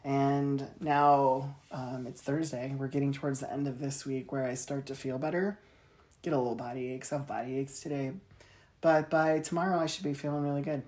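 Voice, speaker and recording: A woman's voice: a bass voice, fairly even intonation, normal speed, a little mellow. A woman co-hosting a podcast in casual chat, candid and wry, laughing easily with her sister. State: in chemotherapy treatment. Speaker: podcast co-host.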